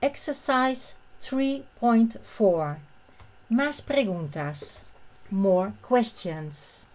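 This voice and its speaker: A woman narrating a scripted language lesson, reading short phrases and translations in a measured, clearly separated way. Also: a little high, lively intonation, a little mellow, poor audio.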